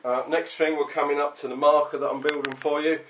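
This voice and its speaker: A man's voice: on the high side, little pitch movement, fairly quick, fairly bright tone, recorded from a distance, slight background noise. A man casually showing and explaining parts, talking straight to his customers. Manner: chatty, addresses customers directly with "okay?" and "mate". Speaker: paintball tech vlogger. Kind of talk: casual show-and-tell to camera.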